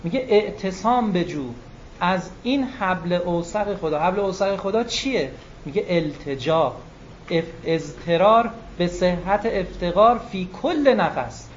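A man preaching a religious lecture in an animated way, drawing out words for emphasis. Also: high voice. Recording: muffled lo-fi recording with faint room noise.

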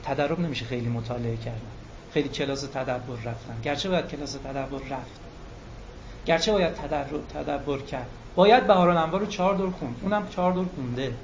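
A high-pitched man delivers an animated religious lecture, slowing down and stretching key words for emphasis. The recording is dull and lo-fi, with a faint hum of room noise behind him. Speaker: preacher.

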